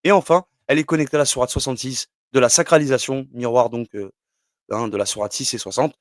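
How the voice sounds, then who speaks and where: A man's voice: mid-range voice, fairly even intonation, fast talker, no echo, studio quality. A man giving a casual explanatory talk as a religious numerology teacher, rambling with many fillers and asides.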